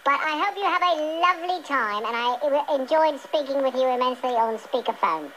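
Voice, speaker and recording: A man's voice: extremely high pitch, expressive, fairly quick, bright, forceful tone, exaggerated voice. A man voicing a chatty, theatrical British chipmunk on a comic radio phone-in, stammering and repeating himself politely. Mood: playful, fussy. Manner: stammering, repetitive, over-polite. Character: fourth, forgotten chipmunk from England, chatty, fussy, theatrical. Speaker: phone-in host character. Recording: noisy radio played through TV speaker.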